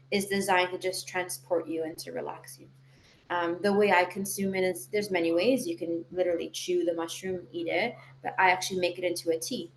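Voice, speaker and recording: A woman guest on a live video call, explaining calmly and often checking in with "right?". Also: on the low side. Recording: echoey room with faint noise.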